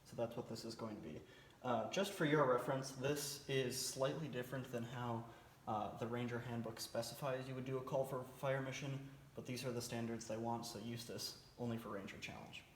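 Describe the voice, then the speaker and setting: A man's voice: medium pitch, fairly even intonation, fairly quick. A man giving an informal military training briefing, explaining step by step in a plain-spoken, somewhat hesitant way. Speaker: military cadet team instructor. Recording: roomy echo, faint background noise.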